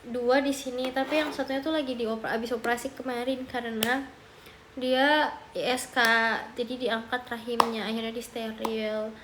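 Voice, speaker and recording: A woman's voice: a little high, level tone, normal speed, fairly bright tone, a little hiss or hum. A young Indonesian woman livestreaming from her phone, chatting casually with viewers and cooing baby talk at her cat. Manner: coos and baby-talks to her cat, reads chat aloud. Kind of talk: casual live stream chat.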